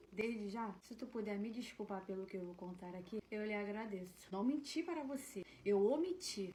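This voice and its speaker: A woman's voice: on the high side, reverberant. A woman telling a personal story to camera in a chatty, self-mocking way. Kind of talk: casual confessional storytelling.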